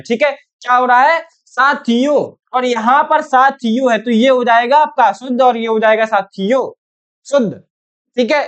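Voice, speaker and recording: A woman's voice: on the high side, clean tone. A woman teaching a Hindi spelling lesson to ninth graders. She keeps asking her pupils questions, says "theek hai" again and again, and calls them "beta". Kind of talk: online class lesson for 9th graders.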